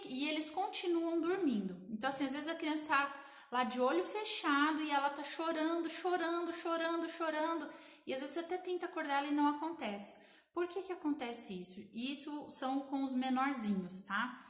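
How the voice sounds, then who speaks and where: A woman's voice: high voice, a bit bright, reverberant. A woman in her thirties with a Brazilian accent, a child sleep consultant talking live to viewers, explaining and repeating points. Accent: Brazilian Portuguese. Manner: explanatory, repeats lists and asks "tá?" often. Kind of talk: live social media talk to viewers.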